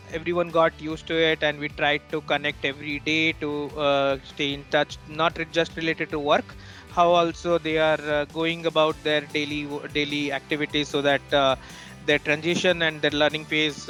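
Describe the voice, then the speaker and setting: A man from India talking about his work in a casual team meeting, with many pauses and fillers. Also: fairly high pitch, little pitch movement, a bit bright, faint music behind. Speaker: team member.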